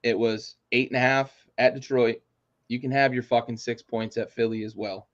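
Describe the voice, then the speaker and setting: Dude talking betting odds on a podcast, cocky, swears, audio kinda dull and muffled. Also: male voice, mid-range voice, fairly even intonation, moderate pace. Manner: swaggering betting talk, profane. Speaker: podcast co-host. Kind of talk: casual sports podcast chat.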